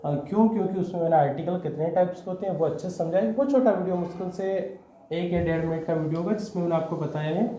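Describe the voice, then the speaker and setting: A man's voice: sits high, fast, warm tone, a little hiss or hum. A man teaching grammar to students, patiently quizzing them and checking in with "okay?" after each step. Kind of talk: explaining English grammar to students. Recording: echoey room, dull lo-fi sound.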